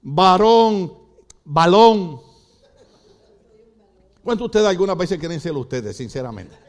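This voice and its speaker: Lively high-voiced Puerto Rican preacher. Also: male voice, fast. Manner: animated, comic storytelling with acted-out voices. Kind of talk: sermon. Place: church.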